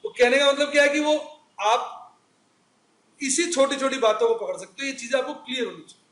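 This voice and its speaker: A man's voice: extremely high pitch, a little fast, fairly bright tone. A male accounting teacher giving a chatty recorded lecture, asking the class questions and answering them himself. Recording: echoey room.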